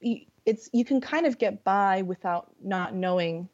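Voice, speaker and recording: Giggly and hesitant, a podcast guest with a Californian accent makes casual conversation as an English conversation partner, her medium-pitched voice darkish in tone and measured in pace. She's heard over an online voice call with dull, lo-fi sound.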